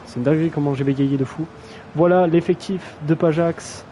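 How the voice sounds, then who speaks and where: A man's voice: on the high side, fairly even intonation, brisk, dark tone, slight background noise, rough recording. A young man casually commentating a video game match on a live stream, slangy and self-mocking, often stumbling over player names.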